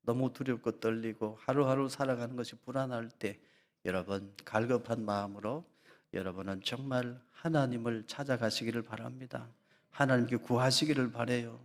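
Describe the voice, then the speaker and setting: A pastor delivers a dramatic sermon in a steady tone, drawing out emotional passages slowly. When he acts out mocking taunts, he bursts into loud, high voices.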